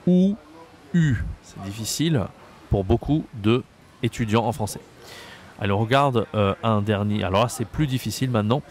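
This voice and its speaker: A man teaching French pronunciation, slowly repeating each example word with patient explanations. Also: on the low side.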